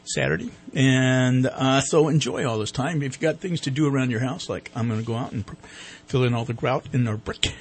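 A man's voice: mid-range voice, fairly quick, a little hiss or hum. A man hosting a radio show, chatting casually and reading sponsor mentions in an off-the-cuff way. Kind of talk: casual radio chat with live sponsor reads.

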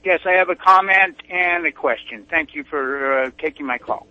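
A man's voice: on the high side, moderate pace, dry recording. A man calling in over a phone line to a talk show, speaking emphatically and indignantly and repeating his objections. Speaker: caller. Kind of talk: call-in comment to a talk show. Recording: dull, dry phone line.

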